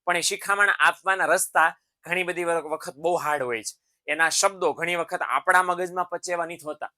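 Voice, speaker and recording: At a normal speed, a man with a fairly high, sharp-toned voice motivates his students. This teacher adopts a fatherly manner, addressing them as his sons and repeatedly tacking on tag questions to check in.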